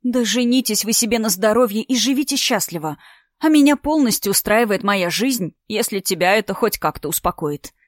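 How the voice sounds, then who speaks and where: A woman's voice: mid-range voice, expressive, moderate pace, no echo, studio quality, lightly acted. A woman reading a storybook part, voicing a tired, defensive single mother in her thirties. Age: 30s. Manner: defensive, exasperated.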